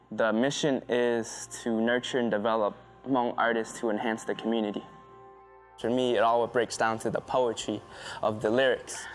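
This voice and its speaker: Brief: Thai-born man, spoken word artist, mid-pitched, earnest and reflective, faint music underneath. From Thailand. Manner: earnest, reflective, with frequent restarts. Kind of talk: documentary interview.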